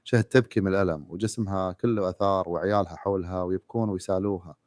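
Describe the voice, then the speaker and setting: A man narrating a sad story in a rapid, even reading. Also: deep voice, no room sound, clean studio sound.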